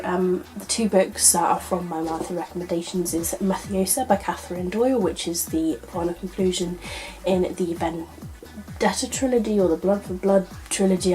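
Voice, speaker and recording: A woman with a gravelly, husky voice, hoarse from illness, chatting casually and upbeat to her viewers as a vlogger. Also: fairly low pitch, a little mellow, poor audio. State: hoarse from being ill. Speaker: book vlogger hosting own channel.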